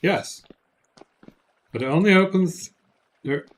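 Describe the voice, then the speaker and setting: A man's voice: high-pitched, takes it slowly. A man giving casual gameplay commentary on a livestream, thinking aloud and joking with his chat. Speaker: streamer.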